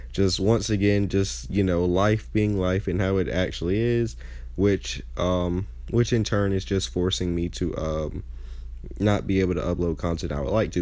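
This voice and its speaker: A congested young gaming host chats casually during gameplay, his fairly low, somewhat mellow voice sounding nasal and stuffed-up. He often forgets where he was going with a thought. The audio has no echo.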